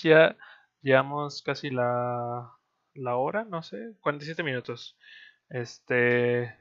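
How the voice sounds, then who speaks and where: A man's voice: on the high side, a bit bright, lo-fi sound. A man with a Mexican Spanish accent hosting a stream in casual chat over an online call, loose and joking, with lots of fillers. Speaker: stream host.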